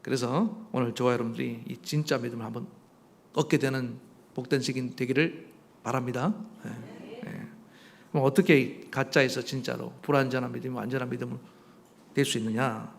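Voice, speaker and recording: A male pastor preaching a sermon, animated, asking the congregation rhetorical questions and acting out quoted voices. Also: medium pitch, a little fast, gravelly, in a large hall. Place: church sanctuary.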